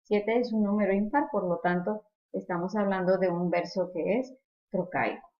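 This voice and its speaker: A woman's voice: medium pitch, fairly even intonation, moderate pace, faint music behind. Woman teacher, explanatory lecture, repeats words as she goes, echoey room, slightly muffled sound. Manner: explanatory, repeats words while searching for them. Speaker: literature teacher. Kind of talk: recorded lecture on poetry.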